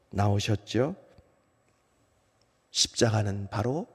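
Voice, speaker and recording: A man, a pastor, speaking as the apostle Peter, a remorseful, ashamed grown man, in a first-person dramatic monologue in a church, swinging from loud outbursts to hushed low phrases. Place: church sanctuary. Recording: long church hall reverb.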